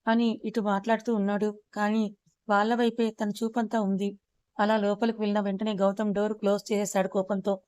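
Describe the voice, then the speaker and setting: A woman storyteller giving a calm, even, scripted narration of an audio story. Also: mid-range voice, fairly quick, clean tone, no echo.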